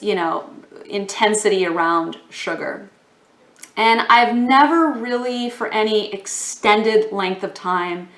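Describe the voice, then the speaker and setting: A woman from Texas talking casually to camera in a vlog, a little hoarse from losing her voice, chatty with fillers. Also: mid-range voice, sharp tone. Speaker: yoga vlogger. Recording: echoey room.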